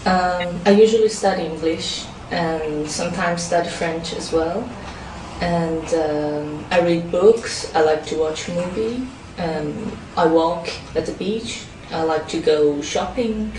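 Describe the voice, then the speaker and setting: A woman with a Farsi first language answers speaking test questions as an exam candidate, her voice on the low side and her pace slow. She hesitates, using many fillers and restarts. The mic is distant in a roomy space, with clear background noise.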